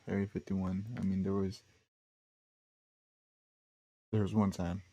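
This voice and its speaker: A young man on a podcast, talking in a loose, rambling way, full of slang and fillers. His voice sits fairly low, with a gravelly edge and a dark, mellow tone. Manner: rambling, slangy, laid-back with frequent fillers. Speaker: podcast host. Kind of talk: casual storytelling monologue.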